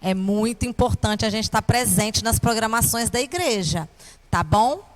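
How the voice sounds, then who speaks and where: Brazilian woman, children's Bible teacher. Kindergarten-teacher delivery, highish pitch, very unhurried, question-led. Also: animated. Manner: kindergarten teacher voice, simple didactic phrasing addressed to children.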